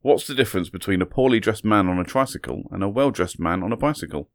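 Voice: low-pitched, lively intonation, quick pace. A podcast co-host telling dad jokes in casual banter, giving setups and punchlines.

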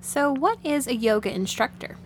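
A woman's voice: high-pitched, lively intonation, normal speed, a little hiss or hum. A woman interview host speaking in an informal, enthusiastic, conversational way. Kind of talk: conversational interview for young listeners.

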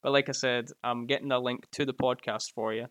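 A man with a Glasgow accent chats and jokes loosely as he reads his stream chat aloud. His voice sits at an ordinary middle pitch. It is recorded dry and close, with almost no room sound. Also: flat delivery, a little fast, a bit bright, no echo. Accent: Scottish, Glaswegian. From Scotland. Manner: chatty and joking, laughs often. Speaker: live streamer reading chat. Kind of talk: casual live-stream chat. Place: at home by his computer. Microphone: close mic right in front of the mouth.

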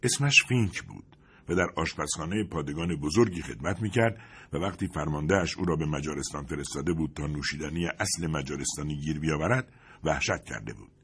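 Deep husky male audiobook narrator. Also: expressive, fairly bright tone. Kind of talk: scripted narration.

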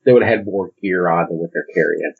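Over narrow, tinny audio, a man with a deep, slightly rough voice and vocal fry talks at a quick pace. He's a podcast co-host chatting casually about films in an easygoing, agreeable way.

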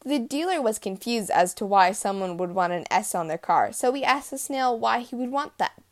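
A woman's voice: fairly high pitch, expressive, normal speed. Playful woman reading puns. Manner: playful, punchy delivery of jokes. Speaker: podcast host.

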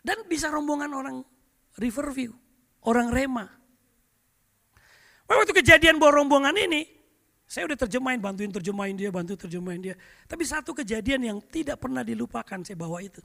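A middle-aged male pastor preaching, telling lively anecdotes and often turning to address the congregation. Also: extremely high pitch, fairly quick, vocal fry, long pauses, long reverb tail. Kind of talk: storytelling sermon.

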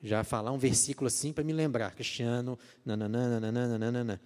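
Brazilian male preacher, mid-range voice, animated sermon delivery, reverberant hall. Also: mid-range voice, brisk. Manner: animated, rhetorical questions to the congregation.

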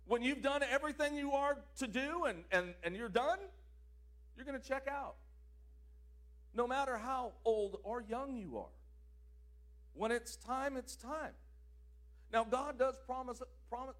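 A man preaching a sermon, emphatic, swinging between loud declarations and quieter asides. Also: extremely high pitch, unhurried, pauses often.

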